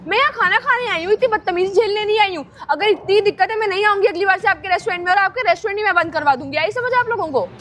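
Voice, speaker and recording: A woman's voice: extremely high pitch, racing, hardly any pauses, fairly bright tone, a little hiss or hum. A woman playing an arrogant young woman, a politician's daughter, who talks angrily and threatens people. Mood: angry, threatening. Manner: angry, threatening, haughty. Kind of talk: amateur short-film acting.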